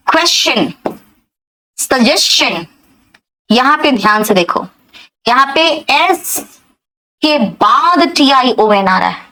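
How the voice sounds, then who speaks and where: A woman teaching spoken English, with a fairly high voice. She talks slowly and repeats each word to drill it. She calls her students "beta" as she goes. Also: a bit bright, slight background noise, rough recording. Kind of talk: bilingual classroom lesson.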